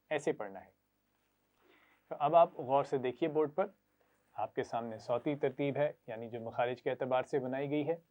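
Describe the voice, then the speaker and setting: A man, teaching children Quran reading, slowly drilling sounds and asking them to repeat after him with praise. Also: mid-range voice. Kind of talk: children's recitation lesson. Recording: tinny phone-like lo-fi audio.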